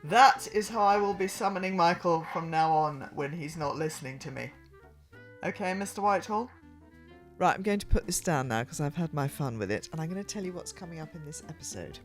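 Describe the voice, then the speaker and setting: A woman's voice: sits low, fast, few pauses, soft background music. A woman co-hosting a podcast, chatting in a playful, teasing way. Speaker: podcast co-host. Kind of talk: casual chat.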